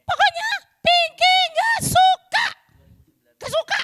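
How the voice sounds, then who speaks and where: A shrill, sulky girl puppet. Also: takes it slowly, background noise. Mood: sulky complaining. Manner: stubborn, whiny, shouting in a tantrum. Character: sulky little girl puppet with pink hair.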